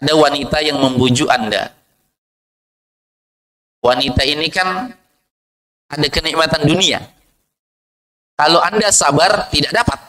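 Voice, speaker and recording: A man preaching a sermon, lively, asking the audience questions and answering them himself. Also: measured pace, pauses often, rough recording. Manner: lively, swings from low asides to high rhetorical questions.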